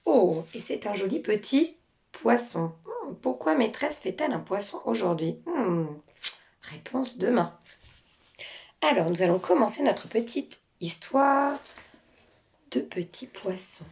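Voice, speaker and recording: A woman teacher speaking gently and reassuringly to children as she introduces and reads a picture book. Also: mid-range voice, animated, measured pace, gravelly, pauses often.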